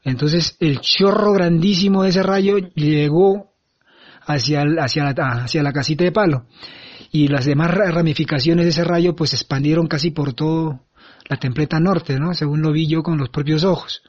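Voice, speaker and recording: A man giving a first-person eyewitness account, halting and earnest, with frequent restarts. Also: a little high. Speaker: eyewitness recounting an event. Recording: dull lo-fi sound.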